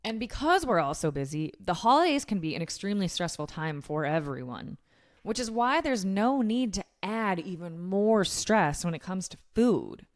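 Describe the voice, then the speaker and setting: A woman's voice: mid-range voice, sing-song, normal speed. Casual, blunt woman podcaster giving advice. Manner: casual, blunt, swearing freely. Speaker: podcast host giving fitness and nutrition tips. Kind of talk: scripted solo podcast advice with casual asides.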